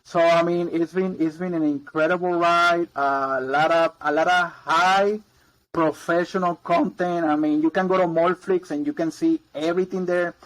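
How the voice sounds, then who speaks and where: In a rough recording, a man in his 40s from Puerto Rico speaks at a moderate pace, his high-ish voice fairly bright with fairly even intonation. He's a mortgage broker chatting casually as an interview guest, rambling, repeating words and saying um and uh a lot.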